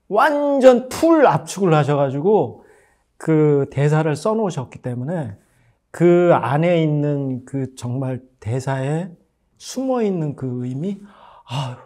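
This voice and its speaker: A man's voice: mid-range voice, dark tone. A male actor speaking earnestly and emphatically in a documentary interview.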